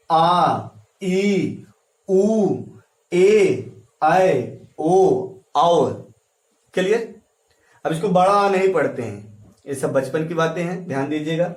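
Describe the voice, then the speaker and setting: A male teacher giving a classroom lecture, repeating key phrases slowly and quizzing his students as he writes on a board. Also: high voice. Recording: echoey room, voice from a distance.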